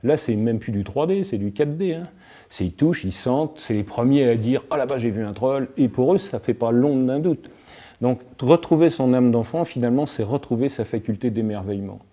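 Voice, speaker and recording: A man talking as an interview guest about wonder and kindness, his voice warm and soft-edged rather than bright. He sits at an ordinary middle pitch and muses reflectively. He builds his points out of small everyday anecdotes and keeps tagging his phrases as he goes. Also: moderate pace. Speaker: guest, alchemist and author. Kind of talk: reflective philosophical talk.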